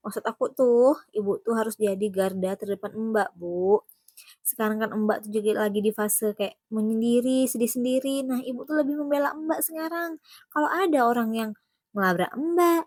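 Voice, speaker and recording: Woman playing a loyal younger sister, high pitch, insistent, cartoon drama. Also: no room sound. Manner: insistent, pleading. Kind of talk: animated drama voice acting.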